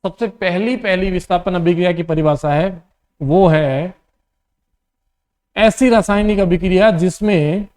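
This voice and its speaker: A man with a Rajasthani Hindi accent teaches a classroom lesson, dictating definitions slowly. He keeps firing questions at the students, calls them "beta" and answers his own questions. His voice sits somewhat high for a man. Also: a little mellow.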